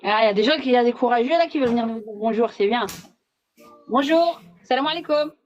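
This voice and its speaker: A woman's voice: a little high, fast, lo-fi sound. A woman hosting a casual live chat, talking bluntly and sarcastically, dropping Arabic phrases into her speech. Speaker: livestream host.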